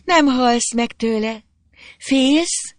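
A reader voicing a lively, teasing peasant girl who coaxes and chides in a bright, cheerful way. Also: mid-range voice, no echo, pitched above the performer's own voice. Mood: coaxing teasing.

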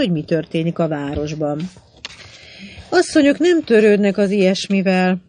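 A man's voice: fairly high pitch, a little mellow, dry recording, lightly acted. A reader voicing a chatty, teasing man who grumbles, as audiobook dialogue in a dry close recording. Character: blunt talkative American man, grumbling.

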